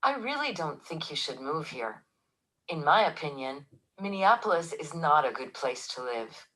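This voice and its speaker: A woman's voice: sits low, very animated, normal speed, fairly bright tone, heavily acted, poor audio. A woman playing a gloomy woman who complains about cold winters, in a scripted textbook dialogue recording. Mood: complaining.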